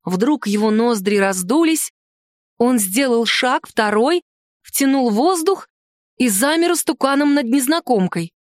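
A woman narrating an audiobook in an expressive, lively way, lifting her voice for quoted lines. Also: measured pace, no echo, clean studio sound. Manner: lively, performs quoted lines with rising pitch.

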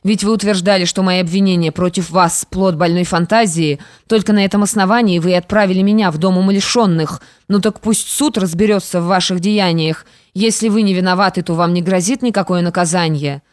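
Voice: mid-range voice, steady tone, brisk, few pauses, no room sound, lightly acted. Reader doing a firm, indignant young woman in an audiobook, close and dry. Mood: stern, indignant. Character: young woman, proud and stern, forgiving.

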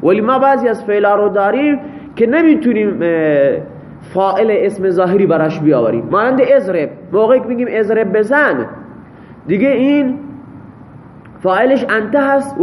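A man's voice: high voice, lively intonation, slight background noise. A man teaching a classroom grammar lesson, parsing example sentences step by step and checking answers with his students.

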